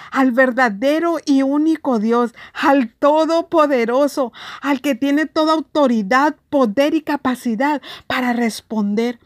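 Female preacher, high and unhurried, earnest sermon, dry close sound. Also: dry recording. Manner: earnest, emphatic preaching with scripture readings. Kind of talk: devotional sermon.

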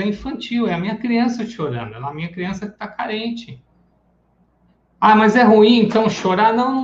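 High-voiced man giving a casual lecture. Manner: casual and chatty, acting out everyday examples. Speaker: psychoanalysis teacher. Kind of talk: live online lecture. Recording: echoey room, dull lo-fi sound.

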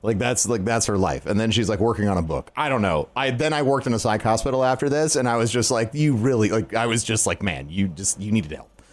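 A man hosting a podcast, telling stories in a casual, animated way and laughing often. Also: mid-range voice, fast talker, hardly any pauses. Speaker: podcast host. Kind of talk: casual chat.

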